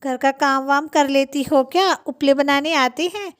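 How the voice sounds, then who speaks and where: A woman's voice: high voice, a little slow. A woman voicing a simple, cheerfully blunt village daughter-in-law in a storybook, speaking plainly and earnestly. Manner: plain, earnest, rustic talk. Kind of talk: storybook voice acting.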